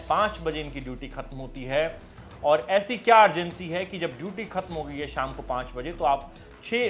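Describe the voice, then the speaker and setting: A man hosting a news show, narrating a report in an energetic, emphatic way. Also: a little high.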